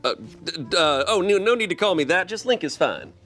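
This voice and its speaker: A man's voice: high voice, big pitch swings, fairly quick, fairly bright tone, faint music behind. A man reading the part of a friendly, welcoming dad in a comedic fan-fiction table read.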